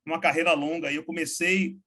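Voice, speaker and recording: Energetic man, slangy guest. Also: a little high, fast talker. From Salvador, Bahia, Brazil. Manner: energetic, informal, frequent slang. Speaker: guest, logistics startup founder. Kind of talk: relaxed interview talk.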